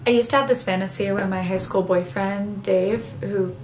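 A young woman acting a dramatic monologue as an embarrassed, sorrowful woman confessing something painful, halting and self-conscious. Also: mid-range voice, fairly even intonation, a little mellow, faint music behind, lightly acted. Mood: wistful, uneasy. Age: young adult. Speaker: actor performing a monologue. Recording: roomy echo, clear background noise.

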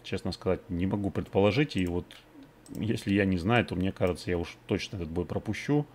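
Man, very low voice, casual fight preview, hesitant, lots of fillers. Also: brisk, a little mellow, a little hiss or hum. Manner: hesitant, thinking aloud with many fillers. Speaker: MMA betting podcast host.

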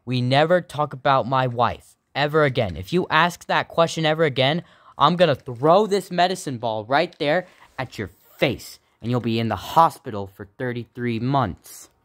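A man's voice: medium pitch, lively intonation, moderate pace, fairly bright tone, dry recording, close to an everyday voice. A man voicing a goofy, blunt new neighbor dad in an amateur sock puppet comedy. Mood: threatening.

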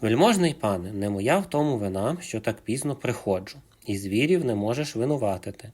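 A man voicing a small, timid but cunning male hare who speaks politely and flatteringly, with a husky voice. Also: lowish voice, brisk. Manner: polite, flattering, as courteous as he can.

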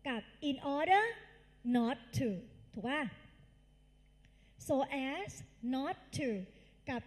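Speaking in a high, expressive voice that draws out her words, a woman tutor gives a live English exam-prep lecture with call-and-response quizzing. She addresses the class as kids and dear, heard through long hall reverb.

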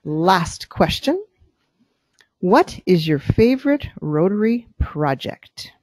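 A woman's voice: lowish voice, very animated, darkish tone, dry recording. A woman leading a club meeting in a cafe, calling on members and coaching them on short impromptu speeches. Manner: brisk, coaching, sums up answers. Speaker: meeting leader running table topics. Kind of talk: leading a club speaking exercise.

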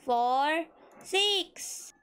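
A woman's voice: sits high, drawn-out words. A woman, cheerfully commenting while playing a game with friends. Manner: excitable, cheery, giggly. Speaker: gaming channel host.

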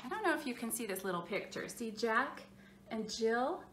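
A woman children's librarian leading a storytime, talking to small children in an animated, expressive way. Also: a little high, moderate pace, roomy sound, background noise.

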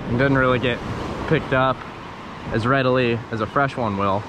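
A man in his thirties casually narrating on camera as he fishes from a beach, explaining each step and getting excited when fish bite. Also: mid-range voice, normal speed. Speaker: fishing vlogger. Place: sandy beach outdoors by the surf. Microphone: action camera, head-mounted and handheld. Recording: outdoor beach audio with loud surf and wind. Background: crashing waves and wind.

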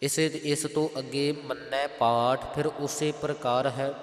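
A man with a Punjabi accent teaching careful scripture recitation, chanting verses slowly and then explaining their pronunciation. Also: medium pitch, fairly even intonation. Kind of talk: slow, careful recitation lesson. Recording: roomy, long hall echo.

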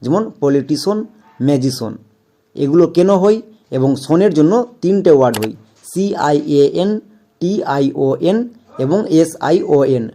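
An English pronunciation video lesson is led by a man whose voice is on the high side, animated and warm, and a little slow. He methodically spells words out letter by letter and repeats the key rules to drive them home.

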